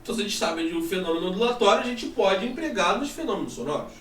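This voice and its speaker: A male physics teacher with a Brazilian Portuguese accent gives an animated classroom lesson, his voice sitting high and his pace quick as he asks and answers his own questions. He's picked up by a distant mic in an echoey room, with faint ambience and slight background noise.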